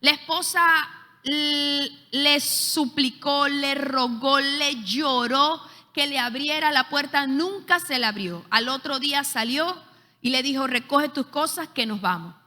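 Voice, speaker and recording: A woman's voice: high-pitched, takes it slowly. A woman, teaching at a church leadership school and telling stories with frequent hesitations. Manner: lively storyteller, frequent hesitations. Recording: echoey hall.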